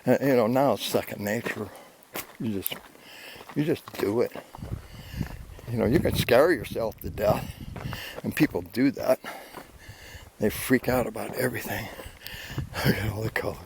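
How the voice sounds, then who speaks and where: This older hiking vlogger, out of breath on a canyon trail, rambles easily into his handheld camera with lots of fillers. His voice is lowish, his speed normal, and he pauses often. Loud outdoor noise comes through while he walks.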